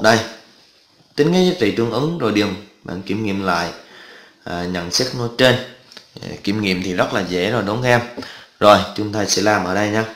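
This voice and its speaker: In an echoey room, a man with a fairly low, somewhat bright voice teaches math in a loose, talkative style. He keeps pausing to check whether his students are following along.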